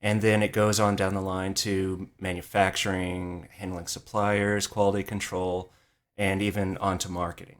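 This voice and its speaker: A man with a fairly low voice co-hosts a podcast in casual chat. He talks in an easygoing way, pausing on fillers as he thinks. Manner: relaxed, hesitant with fillers. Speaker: podcast co-host.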